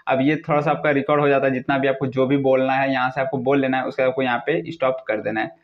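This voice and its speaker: Talking fast with little movement in his medium-pitched voice, a young tutorial host walks through a casual how-to, mixing in English words and repeating his instructional phrases. The audio is muffled and low-fidelity.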